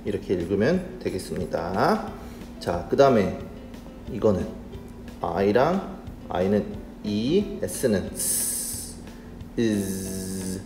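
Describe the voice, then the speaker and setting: A man teaching children English phonics in a slow, patient, friendly manner, spelling words out letter by letter. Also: fairly low pitch, sing-song, darkish tone. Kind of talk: children's reading lesson. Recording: roomy sound with faint music.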